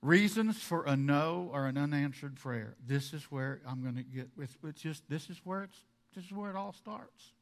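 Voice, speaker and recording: A man preaching a sermon to his congregation, animated, acting out their objections and dropping from loud emphasis to quiet asides. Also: fairly high pitch, normal speed, hardly any pauses. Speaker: pastor.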